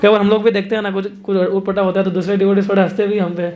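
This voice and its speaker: A man's voice: high voice, level tone, very fast, darkish tone, lo-fi sound. A man preaching a devotional storytelling sermon, chanting verses, laughing often and adding rhetorical asides.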